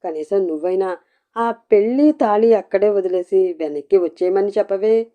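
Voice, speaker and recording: An exasperated middle-aged aunt, voiced by a woman reading a story. She scolds and pleads in a mellow, somewhat low voice. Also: moderate pace, lightly acted. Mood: pleading.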